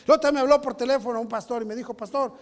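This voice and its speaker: A male pastor preaching a sermon, moving from soft storytelling to loud exhortation. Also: very high-pitched, fairly even intonation, rapid-fire, long reverb tail.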